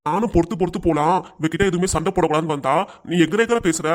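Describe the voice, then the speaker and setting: A man voicing a patient middle-aged cartoon father who answers his wife and son softly and defensively. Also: a little high, racing, natural voice. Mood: pleading. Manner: soft, pleading and defensive. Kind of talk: cartoon voice acting.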